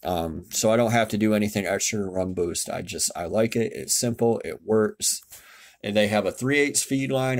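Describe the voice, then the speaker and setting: Blunt casual man with a low voice. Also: creaky. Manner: blunt, casual, mild swearing, self-correcting. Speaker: car tech YouTuber explaining fuel systems. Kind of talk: casual screen-share tutorial voice-over. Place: home, indoors.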